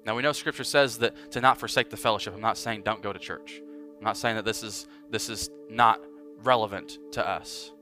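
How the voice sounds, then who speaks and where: A man preaching a sermon as pastor, emphatic and building, then dropping to quiet lines for weight. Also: lowish voice, a little fast, faint music behind.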